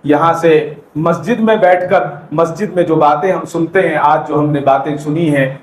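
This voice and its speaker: A man preaching a sermon at a mosque gathering, telling stories and swinging from raised to hushed delivery. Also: on the high side. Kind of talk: sermon with storytelling. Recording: echoey hall.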